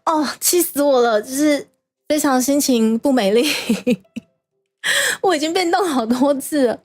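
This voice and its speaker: A woman's voice: high-pitched, lively intonation, unhurried. A woman from Taiwan streaming as a VTuber, chatting casually, tired and exasperated, with self-mocking complaints and frequent exclamations. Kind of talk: casual livestream chat.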